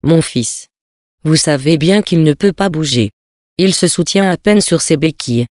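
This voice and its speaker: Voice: mid-range voice, expressive, unhurried, darkish tone, dry recording, close to an everyday voice. Anxious protesting father, read by an audiobook narrator, dry close recording. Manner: protesting, earnest. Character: anxious father protesting his son's innocence. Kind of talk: audiobook reading of a novel.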